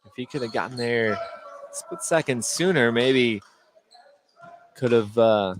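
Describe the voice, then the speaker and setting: Live radio play-by-play of a basketball game comes from an American man with a medium-pitched voice and a slightly slow delivery. He describes the action in short, clipped running phrases. Around him is a busy gymnasium, noisy with bouncing balls.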